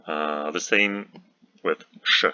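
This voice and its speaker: A man with a Russian accent teaching a language lesson, talking slowly and deliberately with many "uh" pauses and repeated example words. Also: extremely low pitch, sharp tone, smooth, muffled recording.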